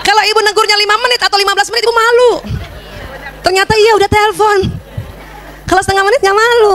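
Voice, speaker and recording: A middle-aged woman giving a religious parenting lecture, lively and teasing her audience with questions. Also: extremely high pitch, fast talker, a faint crowd. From Indonesia.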